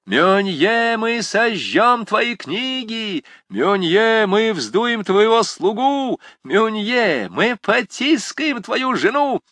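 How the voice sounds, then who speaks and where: A man voicing a rowdy young male student who shouts mocking taunts. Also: high voice, very animated, extremely slow, hardly any pauses, dry recording, voice pushed up, exaggerated voice. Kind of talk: audiobook character voice.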